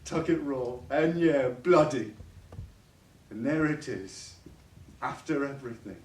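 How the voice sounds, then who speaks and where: An actor plays a drunken old father who wheedles, stammers and turns spiteful, dragging his words out slowly. His voice sits a little high for a man. The stage is echoey and heard from a distance. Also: darkish tone. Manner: rambling, stammering, repetitive pleading. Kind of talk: stage play acting. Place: college theater stage. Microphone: distant room microphone. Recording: echoey stage recorded from far off.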